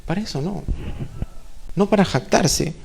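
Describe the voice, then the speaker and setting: A man's voice: high voice, unhurried, vocal fry, darkish tone, a little hiss or hum. A man preaching a sermon in a church, conversational, full of rhetorical questions and playful asides.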